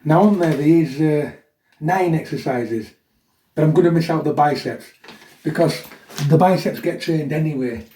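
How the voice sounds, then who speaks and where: A middle-aged fitness vlogger speaks at a moderate pace in a warm, slightly high voice, chatting bluntly to viewers about an upcoming workout and frequently tagging "yeah?" onto sentences. He sounds slightly chesty as he gets over a chest infection. The recording, made from a distance in an echoey room, carries a little hiss or hum.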